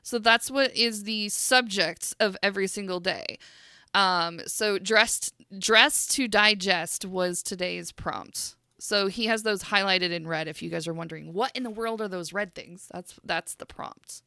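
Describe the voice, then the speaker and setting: A woman's voice: medium pitch, measured pace, bright, forceful tone, clear, resonant tone, no echo, clean studio sound. A woman co-host who chats casually and reacts to a man's drawings with gushing enthusiasm. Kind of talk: casual chat.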